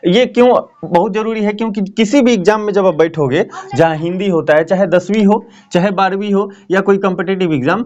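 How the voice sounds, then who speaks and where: High-pitched and a little mellow, this male teacher works through grammar at a board, explaining conversationally and frequently checking in with the class. The audio's highs are cut off.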